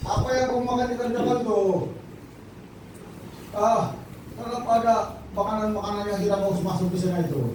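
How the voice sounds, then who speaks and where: A man's voice: high voice, steady tone, moderate pace, long pauses. A male pastor leading a deliverance prayer, pressing the person with repeated questions. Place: church hall. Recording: very echoey distant church recording with noise.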